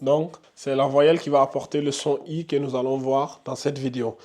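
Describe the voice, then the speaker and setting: A man's voice: medium pitch, little pitch movement, normal speed, a little mellow. A man teaching beginners to read Quran letters, patient, with frequent fillers and repetition. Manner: patient, repeats himself, many filler "donc" and "euh". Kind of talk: casual beginner lesson at a whiteboard.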